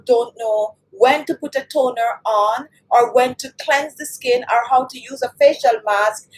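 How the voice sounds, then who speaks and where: This beauty channel host from Jamaica has a fairly high, slightly rough voice and keeps up a chatty live stream, addressing the chat directly and reading viewer comments out loud. It's a low-quality recording.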